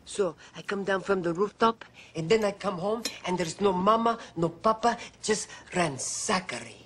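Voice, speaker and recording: A man's voice: high-pitched, expressive, normal speed, fairly bright tone, slight background noise. An actor playing a bumbling young Italian man in a comedy film, with a hammy fake Italian accent. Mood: excitable. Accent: put-on Italian. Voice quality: bad exaggerated accent. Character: goofy male Italian restaurant son, bumbling.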